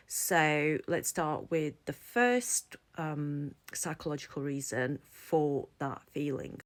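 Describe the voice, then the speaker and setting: A woman, giving an earnest, reflective personal explainer to camera as a vlogger. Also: low voice. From Latvia. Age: 40s. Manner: earnest and reflective, thinking aloud. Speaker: vlogger and psychology student.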